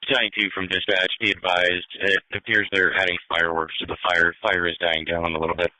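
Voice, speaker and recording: A man's voice: deep voice, level tone, brisk, sharp tone, dry recording, rough recording. A man working as a fire dispatcher, giving clipped call announcements over police and fire radio. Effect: police radio transmission. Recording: scanner radio feed.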